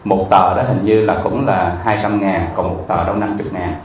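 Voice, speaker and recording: A Buddhist monk tells a story as a sermon, in a vivid and emotional way, with many repeated fillers. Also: male voice, low voice, fairly even intonation, normal speed, slight background noise. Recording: echoey room, distant mic, faint ambience.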